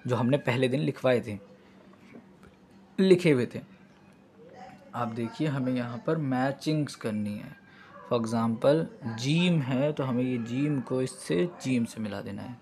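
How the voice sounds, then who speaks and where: A man's voice: mid-range voice, gravelly, darkish tone. Patient male language teacher, faint hiss. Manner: patient, repeats letter sounds and spells out drills. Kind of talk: step-by-step classroom explanation.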